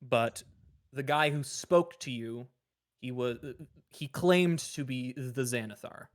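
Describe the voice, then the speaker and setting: A man's voice: mid-range voice, slow. A man game master narrating a tabletop game, rambling with many fillers.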